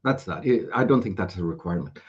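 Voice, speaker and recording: Jovial Swedish man, husky low voice. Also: expressive, quick pace, highs cut off. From Sweden. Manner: jovial, tangent-prone, laughs easily. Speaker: podcast guest, pharma business advisor. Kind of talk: casual video-podcast interview. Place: home room with air conditioning.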